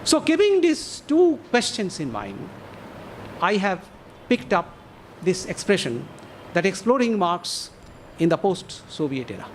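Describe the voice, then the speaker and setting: A man with an Indian English accent giving an academic lecture to an audience, deliberate and posing rhetorical questions with measured pauses. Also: sits high, wildly swooping pitch, slight background noise.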